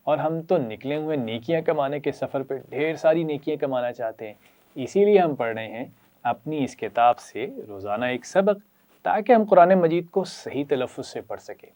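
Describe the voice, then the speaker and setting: A man's voice: a little high, expressive, dark tone. A man teaching children a Quran reading lesson with a Pakistani Urdu accent. He praises them often and leads them in repeating letters and sounds.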